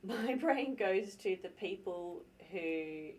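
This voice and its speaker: A woman's voice: mid-range voice, expressive, slow pace, a little mellow, recorded from a distance. A woman co-hosting a podcast chat, thinking aloud and laughing easily. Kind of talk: casual conversational chat.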